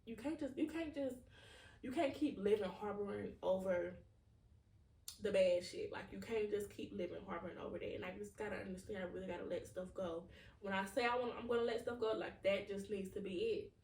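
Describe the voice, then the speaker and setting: A woman's voice: mid-range voice, fairly quick, a little mellow, far from the mic. A woman, hosting a podcast and talking through her feelings in a candid, rambling way, full of "like" fillers. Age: 20s. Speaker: podcast host. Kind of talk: reflective personal monologue. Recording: roomy echo, voice from off-mic.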